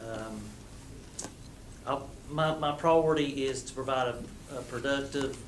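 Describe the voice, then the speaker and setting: A plain-spoken man from southwest Virginia talking haltingly and informally as a utility contractor at a meeting. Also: mid-range voice. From southwest Virginia area. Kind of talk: informal self-introduction and answers at a meeting. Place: indoor council meeting room. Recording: echoey room with clear background noise.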